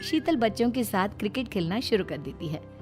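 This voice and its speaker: A woman narrating a cartoon family story in an even, storytelling manner. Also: medium pitch, fairly quick, music in the background.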